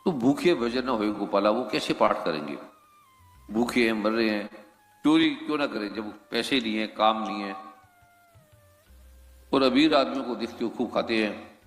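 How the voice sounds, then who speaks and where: A man's voice: on the low side, measured pace, long pauses. A man recounting his spiritual life in a rambling, reflective way, often asking rhetorical questions. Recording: echoey hall with faint music.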